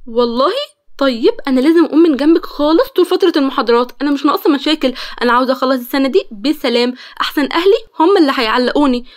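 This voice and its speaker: A woman's voice: high-pitched, rapid-fire, close to an everyday voice. A woman voicing a caring, sensible young female student who fusses over her friend, in an Egyptian Arabic accent. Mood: fussing. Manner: fussing, scolding kindly. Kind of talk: storytelling.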